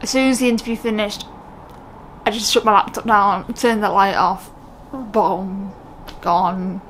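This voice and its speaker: A woman's voice: medium pitch, fairly even intonation, unhurried, a bit bright, a little hiss or hum. A young British woman talking to camera in a casual, unscripted way, candid and rambling, often breaking off her own sentences. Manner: candid, rambling, self-interrupting. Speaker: vlogger.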